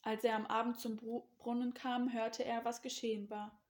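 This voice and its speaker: Woman, children's service leader: higher voice, slow gentle story narration. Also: flat delivery.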